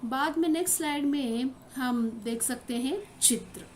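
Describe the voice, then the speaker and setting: A woman Hindi teacher with an Indian accent, giving a recorded lesson to children and repeating each word slowly and carefully for her pupils. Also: sits high, slight background noise.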